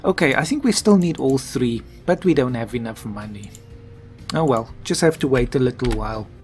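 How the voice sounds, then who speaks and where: A man's voice: mid-range voice, expressive, normal speed, a little mellow. A man commentating his own gameplay, musing and thinking aloud as he plays. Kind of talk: let's play commentary. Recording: faint game music behind.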